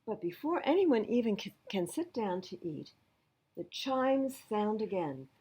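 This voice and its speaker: A children's library storyteller reads a picture book aloud, stopping for asides that explain things simply to the young listeners. Her voice is medium-pitched, mellow and husky, very animated yet a little slow.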